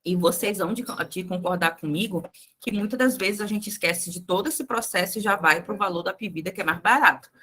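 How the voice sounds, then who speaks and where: A woman's voice: medium pitch, a little fast, a bit bright, breathy edge. Female sales trainer, young adult, conversational lecture, engages audience often. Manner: chatty, addresses the group directly with frequent tag questions. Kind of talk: live sales training talk.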